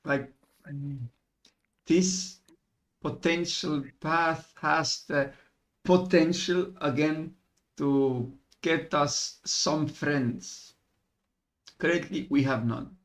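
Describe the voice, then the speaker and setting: A man's voice: on the high side, fairly even intonation, extremely slow, long pauses. A man playing a tabletop game over voice chat, hesitant and weighing his options aloud. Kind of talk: casual in-character debate over voice chat.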